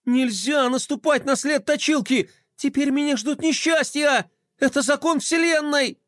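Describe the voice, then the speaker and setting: A man's voice: high-pitched, a little fast, no echo, studio quality, pitched above the performer's own voice, natural voice. A man voicing a superstitious, jittery young boy in a children's story, who talks in an anxious, panicky way.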